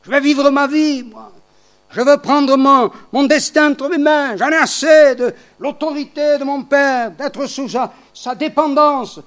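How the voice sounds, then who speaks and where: Man voicing a rebellious young man, raised and indignant, pitched high above the preacher's own voice. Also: a little slow, a bit bright. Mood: defiant. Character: defiant young man demanding freedom from his father.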